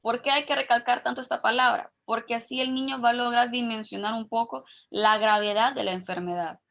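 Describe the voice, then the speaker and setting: Woman lecturer, calm and patient, muffled lo-fi sound. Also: a little high, a little fast, creaky. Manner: calm, repeats words for emphasis, frequent "¿verdad?". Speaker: grief course instructor. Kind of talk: online lecture. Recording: dull lo-fi audio.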